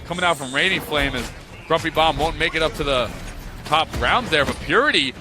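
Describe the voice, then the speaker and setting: A man from Long Island calls the action of an esports match, energetic and quick to joke. Music plays clearly underneath his voice. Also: on the high side. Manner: energetic play-by-play, jokey. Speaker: esports caster. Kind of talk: esports play-by-play commentary.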